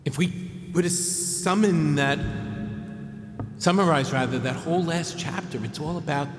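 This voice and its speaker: Male preacher, measured and gentle, slightly high voice, roomy church reverb. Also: soft background music. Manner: measured, gentle preaching with slow emphatic pauses. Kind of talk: sermon. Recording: echoey hall with long reverb.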